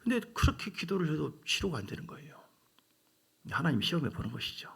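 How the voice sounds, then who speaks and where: Gravelly-voiced male pastor preaching emphatically. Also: a little high, very animated, fast talker. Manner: emphatic preaching with sudden loud rises and hushed asides. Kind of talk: sermon.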